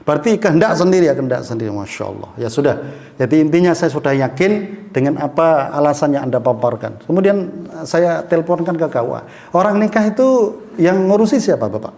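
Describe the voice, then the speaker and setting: A man's voice: fairly high pitch, a little fast, gravelly. A man with a Javanese accent preaching in a mosque, telling a story and putting questions to the congregation. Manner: lively, mixes in Javanese phrases, asks the congregation questions.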